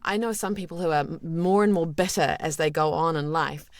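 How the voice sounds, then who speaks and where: A deep-voiced woman, a voice actor, is a guest on a podcast interview, speaking candidly and reflectively with lots of fillers and restarts. Her pace is a little fast, and there's no echo.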